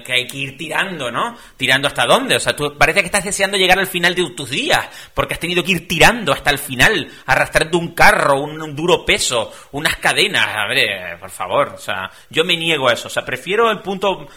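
A middle-aged man from Spain talks as a guest on a radio talk show. His voice is bright and forceful and sits a bit high for a man. He keeps it animated and conversational, with lots of rhetorical questions and playful quoted voices. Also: a little fast, few pauses. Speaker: guest speaker.

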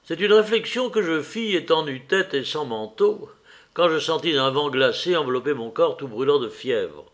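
A man reading a classic fantastic tale aloud in a measured, expressive way. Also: fairly high pitch. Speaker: audiobook reader. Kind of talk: literary audiobook narration.

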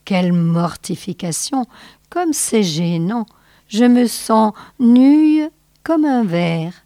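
A woman's voice: on the low side, lively intonation, slow, darkish tone, no echo. A woman playing a sly old poisoner wife. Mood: mock dismay.

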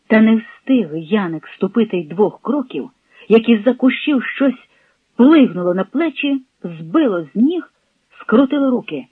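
A man's voice: high voice, expressive, measured pace, breathy edge, no room sound. A man reading a novel aloud expressively and giving each character a voice. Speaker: narrator. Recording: tinny lo-fi radio broadcast.

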